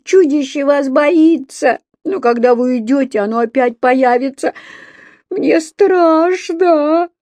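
A woman's voice: a little high, expressive, a little slow, darkish tone, no echo, pitched above the performer's own voice. A woman voicing a small frightened raccoon girl who cries and pleads. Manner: tearful, pleading.

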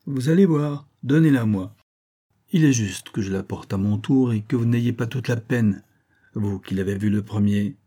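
A man's voice: fairly low pitch, normal speed, warm tone, husky. A man voicing a sly, wary male cat who teases with mock piety in a storybook reading. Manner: mock-pious, smug and teasing.

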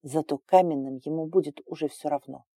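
A woman reads a story aloud in a calm, even manner. Her voice sits low and dark, mellow in tone. The recording is close and dry. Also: brisk, no room sound. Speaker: narrator. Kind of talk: storybook narration.

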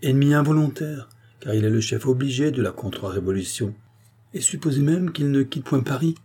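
A man reads the part of an earnest, urgent statesman warning a queen, working through each point in turn, as if in a classic novel audiobook. The voice is brisk, mellow and a little husky, pitched slightly up and pushing hard, pleading as it explains.

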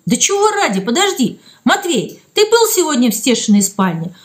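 A woman voicing a kind, calm female schoolteacher with a soothing, questioning manner. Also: high-pitched, normal speed.

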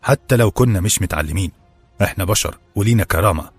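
A man's voice: low-pitched, expressive, quick pace, slightly rough, no room sound, faint music behind. A man voicing a defiant young servant with an Egyptian accent who argues firmly and passionately. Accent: Egyptian Arabic. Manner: firm, impassioned arguing. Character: defiant young male servant demanding dignity.

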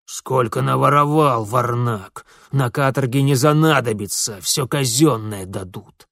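A man's voice: mid-range voice, unhurried, vocal fry, fairly bright tone, no room sound, studio quality. A man voicing an obsequious rustic village police sergeant who whines and grovels. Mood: gloating. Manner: whining, obsequious.

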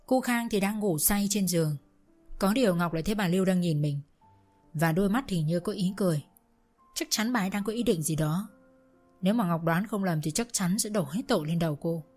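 A woman host narrating a serialized drama story in a formal, even storytelling manner. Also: lowish voice. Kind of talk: scripted audiobook narration.

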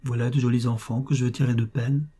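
A man reading aloud and voicing a shabby, sly old male bailiff's clerk who talks in a wheedling, grandly flattering way. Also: mid-range voice, fast talker, lightly acted. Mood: sly, jovial.

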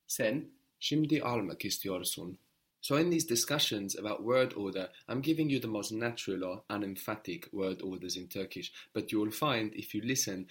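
A man teaching a language lesson, patiently explaining and drilling words slowly with a student. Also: fairly low pitch.

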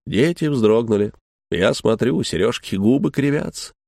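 A man reads a first-person story aloud in a middle-pitched voice. His delivery is emotional and shifting, often sinking to hushed tones. The recording is close and dry. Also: animated, moderate pace, vocal fry, dry recording. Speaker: story reader.

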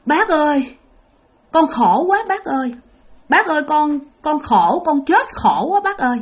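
A woman's voice: high-pitched, moderate pace, pitched above the performer's own voice, natural voice. A woman voicing the pleading ghost of a young woman, wailing out her misery.

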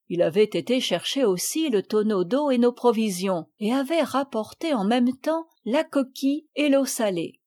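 A woman reading a children's storybook aloud with clear, expressive narration. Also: mid-range voice. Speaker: audiobook reader.

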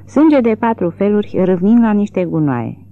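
Narrator doing a cold old man, far off in his head, lively pitch swings, tinny sound. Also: no echo. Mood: brooding. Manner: detached, brooding. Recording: tinny phone-like narrow sound.

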